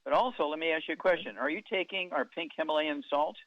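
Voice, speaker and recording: A man hosting a call-in health radio show, firing quick yes-no questions at callers and giving folksy analogies, taped off the radio. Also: on the high side, no echo. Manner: quizzes callers, many "okay"s, folksy analogies. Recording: dull radio broadcast taped off air.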